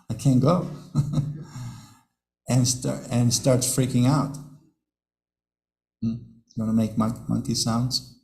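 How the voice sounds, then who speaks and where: A man's voice: medium pitch, vocal fry, mellow, roomy sound, rough recording. A man giving a devotional scripture class, telling stories to his audience, chuckling often and repeating his words. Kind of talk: devotional class talk with storytelling. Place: temple hall.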